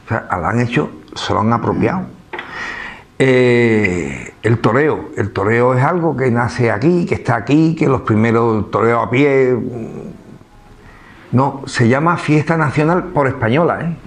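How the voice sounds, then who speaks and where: A man with an Andalusian Spanish accent speaks to an audience in an easygoing lecture manner. He keeps tossing in rhetorical questions and a tag "¿no?". His voice sits at an ordinary middle pitch for a man. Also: animated, measured pace. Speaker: speaker at a book presentation. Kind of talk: informal public lecture.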